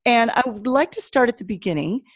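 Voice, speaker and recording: A woman's voice: fairly high pitch, animated, brisk, no room sound, clean studio sound. A middle-aged woman with a Michigan accent, chatting casually as a podcast co-host. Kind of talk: casual scripted-topic podcast chat.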